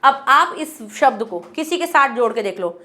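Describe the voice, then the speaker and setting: High-voiced woman teaching grammar. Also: lively intonation, normal speed, sharp tone. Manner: explains step by step, asks and answers her own questions. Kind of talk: classroom lesson.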